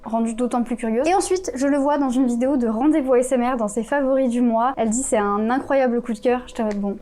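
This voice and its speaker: A woman's voice: fairly high pitch, fast, dark tone, faint music behind. A young woman from France with a French accent, chatting casually about books, with many fillers and self-corrections. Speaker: book youtuber. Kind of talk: casual chat.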